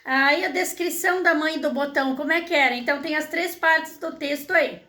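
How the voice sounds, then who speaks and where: A woman teacher with a Brazilian Portuguese accent patiently takes students through school exercises, checking in with them often. Her voice sits high and sounds pushed and bright, she speaks a little fast, and the room is echoey.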